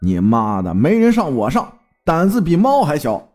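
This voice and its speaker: A man voicing a gruff, bossy work foreman in a story, barking his words loudly. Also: fairly high pitch, huge pitch swings, normal speed. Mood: scornful. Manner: loud, barking offers.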